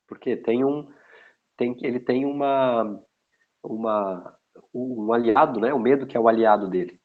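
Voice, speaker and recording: A guest in a casual online interview, this São Paulo logistics specialist has the local São Paulo Portuguese accent and tends to ramble and restart often. His mid-range voice moves a little slowly. The sound quality is muffled and lo-fi.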